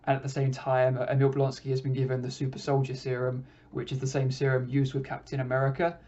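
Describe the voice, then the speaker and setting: A man talks through a film review in a relaxed, conversational way, pausing often with small hesitations. His voice is dark and mellow, and his delivery stays fairly flat and even. The recording sounds dull and lo-fi. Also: medium pitch. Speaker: podcast host reviewing films. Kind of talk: casual film review monologue.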